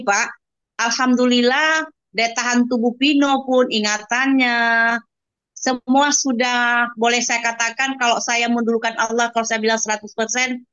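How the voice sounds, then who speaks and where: A woman's voice: a little high, fairly bright tone, no echo. A mother telling an interviewer about her child in an earnest testimonial, often calling him "sir" and exclaiming thanks to God. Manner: addresses the listener as "Pak" constantly, with pious exclamations. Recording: dull, lo-fi dry recording.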